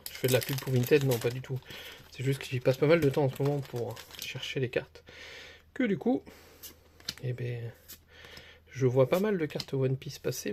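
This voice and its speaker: A man's voice: mid-range voice, vocal fry, warm tone, slight background noise. A young man casually commenting as he opens trading card packs, chatty and rambling with many hesitations. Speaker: card collector opening booster packs.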